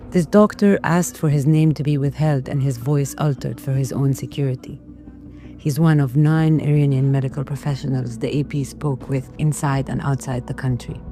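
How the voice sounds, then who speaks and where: Woman, scripted news voice-over, mellow warm timbre, soft music behind. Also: a bass voice, steady tone, moderate pace. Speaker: news narrator.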